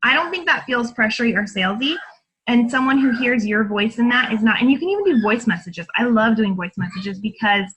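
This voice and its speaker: Mulher animada e de voz clara. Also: female voice, a little high, animated, a bit bright, slight background noise, poor audio. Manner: chatty, encouraging, fast-talking with many fillers. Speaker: fitness coach. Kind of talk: coaching call, casual talk.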